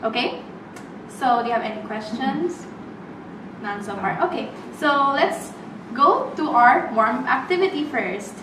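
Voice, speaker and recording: Speaking slightly slowly in an expressive, higher-pitched voice, a young woman from the Philippines guides a role-played group therapy session as a student occupational therapist. Her instructions are friendly and step by step, with lots of "okays". The audio sounds distant and roomy, with noise in the background.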